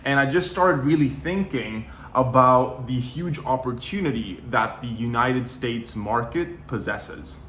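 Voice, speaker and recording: Man in his 20s, easygoing advice talk, mid-pitched voice, roomy echo. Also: expressive, a little slow, few pauses, fairly bright tone, a little hiss or hum. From Norway. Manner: conversational, with frequent "you know" and "like". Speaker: sales coach. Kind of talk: casual talking-head advice.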